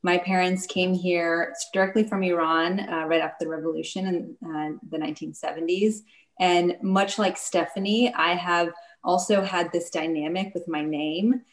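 Friendly, straightforward woman panelist, lowish voice, roomy echo. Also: steady tone, normal speed. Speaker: panelist, marketing executive. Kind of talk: panel introduction.

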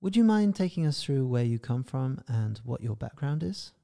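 A man's voice: mid-range voice, big pitch swings, normal speed, vocal fry, dark tone. A man hosting an interview podcast, asking the guest brief, easygoing questions. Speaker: podcast host.

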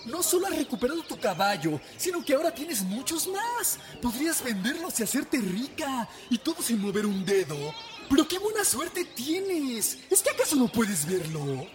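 A man's voice: very high-pitched, big pitch swings, normal speed, voice pushed up. A man doing an exasperated village woman. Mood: incredulous. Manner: scolding, disbelieving. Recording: clear music underneath.

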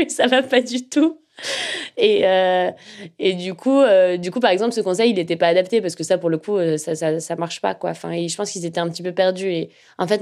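A young woman speaks with a slightly nasal tone pitched a little low. She recounts her experiences calmly, pausing often and filling gaps with hesitations. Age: young adult. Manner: thoughtful, many fillers and hesitations. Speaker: journalist. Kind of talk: casual personal storytelling.

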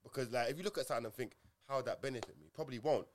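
A man's voice: medium pitch, rapid-fire. A man with a London roadman accent in casual podcast chat, making points emphatically with heavy slang and repetition. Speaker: podcast co-host.

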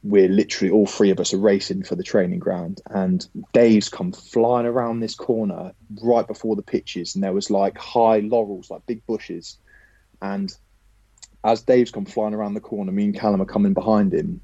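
Low, husky man telling a story. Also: normal speed, dry recording, muffled recording. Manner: lively, animated storyteller, swears casually. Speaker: guest, professional footballer. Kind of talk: casual storytelling anecdote.

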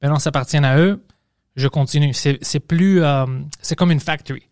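Un homme qui anime un podcast en conversation détendue, jurant volontiers et glissant des mots anglais dans son français. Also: male voice, a little high, fairly quick, a little mellow, dry recording, clean studio sound. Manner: casual, swears freely, mixes English words into his French. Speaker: podcast host. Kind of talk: casual conversation.

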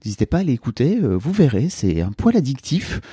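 Male podcast host, mellow tone, dry sound, playful and filler-heavy. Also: medium pitch, sing-song, brisk, slightly rough, no room sound. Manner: chatty, jokey, many fillers. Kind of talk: casual podcast chat.

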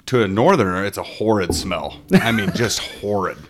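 A man with a lowish voice co-hosting a casual podcast. He weighs in bluntly and sticks to his opinions. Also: normal speed, background noise. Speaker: podcast co-host. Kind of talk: casual chat.

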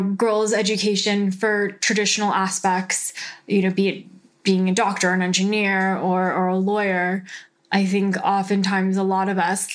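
Casting: female podcast guest, SoCal accent, mid-range pitch, casual interview conversation. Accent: Southern California. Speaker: podcast guest, yoga teacher and charity founder.

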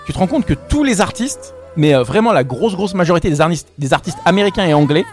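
A man with a fairly high voice hosts a loose radio chat and music quiz. His pitch swings about as he sets up each round and explains things, and music plays faintly behind him. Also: lively intonation, fast. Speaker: host running a Christmas song blind test.

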